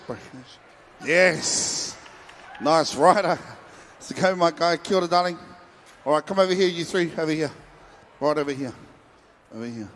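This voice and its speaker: A high-pitched male voice with a Māori accent from New Zealand works a crowd as a live event host. He is informal and playful, calling out to people and mixing Māori words into his patter. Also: in a large hall. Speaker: festival stage host.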